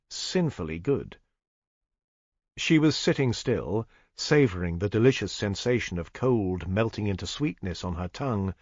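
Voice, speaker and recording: A man narrates a period mystery audiobook in a measured, descriptive way. His voice sits low, and the recording is dry and slightly muffled. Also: no room sound. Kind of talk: scripted narration. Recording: dull, dry studio recording.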